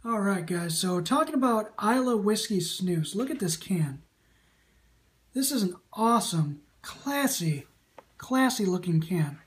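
A man's voice: high voice, lively intonation, a little slow. Enthusiastic young man reviewing casually. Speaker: snus reviewer. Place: small room indoors. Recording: faint background hum.

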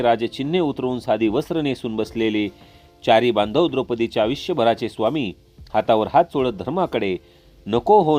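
A man narrating an epic tale in a measured, dramatic reading. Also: medium pitch. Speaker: storyteller. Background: soft instrumental music.

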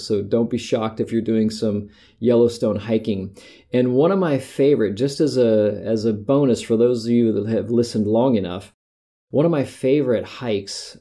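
Speaking in a mellow, somewhat low voice, a middle-aged American podcast host chats about hiking. The monologue is rambling and conversational, with frequent mid-sentence self-corrections.

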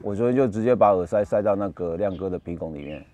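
A man's voice: sits low, fast talker, dark tone, faint music behind. A man telling a story in a casual interview chat. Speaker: reality show participant.

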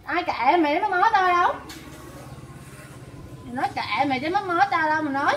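A woman's voice: extremely high pitch, lively intonation, brisk, background noise. A drunk woman quarreling in slurred, heated speech, repeating herself and cursing. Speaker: drinking companion in a filmed drinking session. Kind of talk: casual quarrel.

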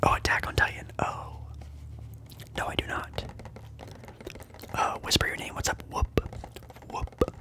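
A young adult hosting an ASMR livestream whispers informally to viewers at a measured pace, pausing often. Responding to the live chat, the host rambles with fillers and keeps repeating trigger words.

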